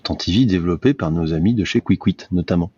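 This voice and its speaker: A man's voice: sits low, fast talker, mellow, breathy edge. A man in his forties hosting a casual tech discussion, hesitant with many fillers and restarts. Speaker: podcast host. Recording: dull lo-fi sound.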